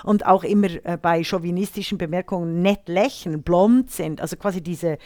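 Emphatic woman with a low-pitched, dry-sounding voice. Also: mellow, no room sound. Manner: emphatic, halting with repeated phrases for stress. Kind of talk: opinionated discussion of film and media politics.

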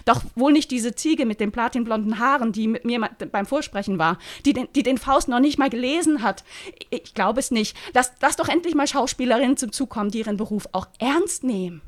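A woman's voice: fairly high pitch, fairly quick, hardly any pauses, pitched above the performer's own voice, close to an everyday voice. A woman voicing an indignant young actress who answers sharply and with outrage.

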